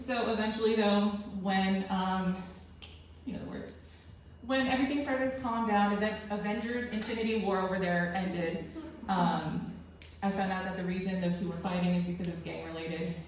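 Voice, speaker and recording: A young woman telling a rambling, crude stand-up story full of self-deprecating asides. Her voice sits at an ordinary middle pitch. It is caught from a distance in a very echoey room with faint noise underneath. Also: fairly even intonation, moderate pace. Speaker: stand-up comedian. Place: small student comedy club room.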